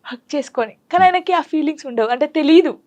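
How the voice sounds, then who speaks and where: A woman's voice: high-pitched, lively intonation, a little mellow. A young adult woman talking candidly and emotionally as a guest in a casual interview. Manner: candid, emotional, quick storytelling.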